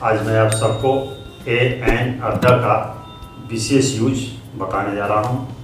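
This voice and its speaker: A man teaching grammar as a lesson, explaining slowly and deliberately. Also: lowish voice, steady tone, noisy background. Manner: slow, deliberate explaining with drawn-out words. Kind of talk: classroom lesson. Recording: very echoey room, voice from far off, faint music.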